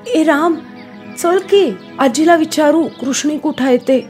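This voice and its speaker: A woman voicing a lively little girl who is bold but easily tearful, speaking high and childlike. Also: a little slow, soft background music. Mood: pleading.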